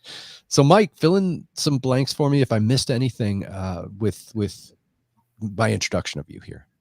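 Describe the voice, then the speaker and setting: His voice is on the low side, gravelly and darkish, moving at a moderate pace and thick with congestion from a head cold. He's a man hosting a live podcast in a casual, chatty, rambling style, interrupting himself as he goes. A desk microphone on the live stream picks him up with no room sound.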